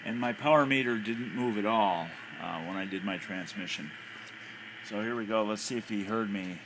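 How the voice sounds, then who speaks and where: A fairly low-pitched American man speaks at normal speed as he casually demonstrates his amateur radio gear, hesitating and thinking out loud. It's a noisy handheld recording made indoors at his home radio desk.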